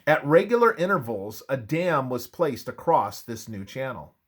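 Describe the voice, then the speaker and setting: Narrating a script on religious history, this man has a mid-pitched voice with a breathy edge. He reads slowly and deliberately, his intonation varying widely through big pitch swings.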